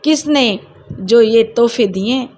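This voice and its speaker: A woman's voice: fairly high pitch, takes it slowly, a little mellow. A woman voicing a cruel, jealous husband who speaks harshly and accusingly, close to her own voice.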